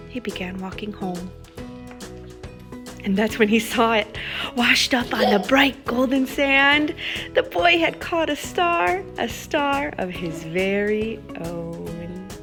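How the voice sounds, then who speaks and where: A children's STEM teacher and presenter, a woman with a slightly high and fairly bright voice, addresses young children. She mixes a lesson with a storybook read-aloud, guiding them along simply.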